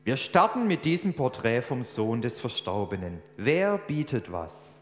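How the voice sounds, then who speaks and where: A preacher acting as a stubborn auctioneer calling bids. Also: male voice, medium pitch, sing-song, measured pace. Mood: insistent. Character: stubborn male auctioneer, insistent. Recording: echoey hall, faint hum.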